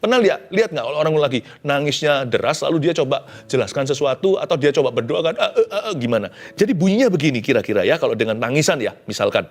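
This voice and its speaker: Animated male preacher. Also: medium pitch, fast talker, few pauses. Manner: animated, conversational preaching with dramatic quotes. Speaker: pastor. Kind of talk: sermon.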